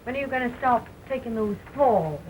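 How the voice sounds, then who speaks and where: A noisy late-1920s talkie soundtrack carries a high-pitched young showgirl acted by a woman. She is scrappy and sharp-tongued, firing slangy wisecracks in early film acting style. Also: animated, a little fast, close to an everyday voice. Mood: nagging concern. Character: sharp-tongued, scrappy young female vaudeville performer, loyal partner.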